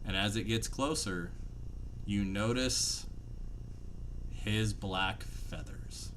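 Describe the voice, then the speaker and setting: A man narrating a tabletop fantasy game as game master, telling it dramatically with pauses. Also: fairly low pitch, a bit bright, rough recording. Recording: faint background room noise.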